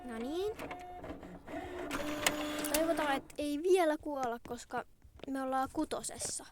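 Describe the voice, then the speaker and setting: A young female host giving casual, chatty gameplay commentary and thinking aloud, her voice going hoarse and clearing her throat often. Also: high voice, very noisy. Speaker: gaming video host. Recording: loud game music behind. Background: loud game music.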